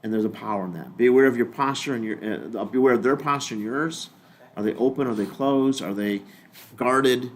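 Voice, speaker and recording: Fast-talking older man teaching a class. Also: medium pitch, a little hiss or hum. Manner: chatty, rambling, restarts often. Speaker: lay ministry teacher. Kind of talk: casual class talk.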